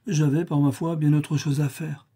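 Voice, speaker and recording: A man's voice: medium pitch, expressive, normal speed, mellow, husky. A man doing a sly mocking old gambler. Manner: mocking, self-assured.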